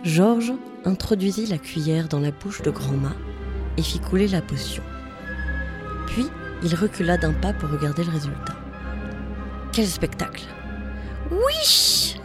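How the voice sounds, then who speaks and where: A woman's voice: low voice, a little slow, pauses often, music in the background. A woman narrating a storybook expressively, with dramatic emphasis.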